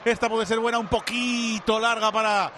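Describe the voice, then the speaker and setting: A man giving live football commentary in rapid, flowing play-by-play. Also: extremely high pitch, little pitch movement, bright, forceful tone, a little hiss or hum.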